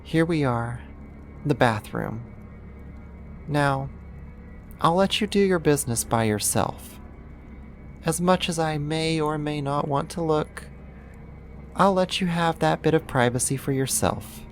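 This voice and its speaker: A performer voicing a possessive yandere neighbor turned kidnapper in an intimate ASMR roleplay, coaxing and doting with a quiet menace and deliberate pauses. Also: mid-range voice, soft background music, natural voice. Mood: doting, controlling.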